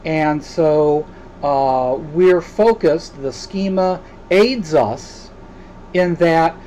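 A man delivers a recorded lecture in a slightly high, soft and mellow voice. He talks in a loose, unscripted way, pausing often with filler sounds as he works through each point. There is a faint hiss behind him. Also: rough recording. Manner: hesitant, many filler sounds.

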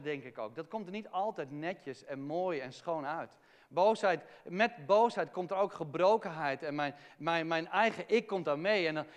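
High-voiced man preaching in a reverberant church. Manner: earnest, personal and candid, frequent restarts. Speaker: pastor. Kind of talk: sermon. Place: church hall. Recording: long reverb of a church hall.

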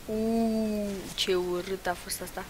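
Excitable young woman, game commentary. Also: mid-range voice, noisy background. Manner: excitable, loud outbursts and muttered asides. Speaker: gaming channel host. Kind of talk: casual gameplay commentary.

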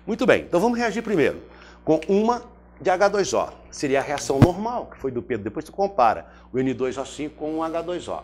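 Brazilian male chemistry teacher, middle-pitched and very animated, talks himself through the board work. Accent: Brazilian Portuguese. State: throat briefly irritated. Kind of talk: lively classroom lecture.

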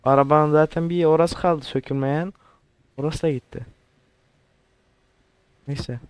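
A man's voice: fairly high pitch, fairly even intonation, measured pace, smooth, dry recording. Crude, swearing young-sounding gamer man. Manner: crude, swearing, baffled joking. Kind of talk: let's play commentary.

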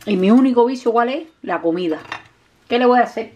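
Mujer cubana charlatana cocinando en casa. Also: female voice, on the high side, brisk, muffled recording, background noise. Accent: Cuban Spanish. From Cuba. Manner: chatty, affectionate, addresses viewers as "mi gente". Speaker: cooking vlogger. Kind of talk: casual cooking vlog talk to viewers. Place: home kitchen. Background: dishes, pots and pans clattering.

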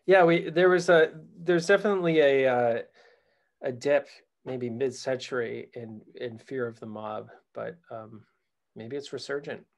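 A man co-hosting a podcast, talking about films in a halting way with many fillers. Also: mid-range voice. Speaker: podcast co-host. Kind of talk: casual film discussion.

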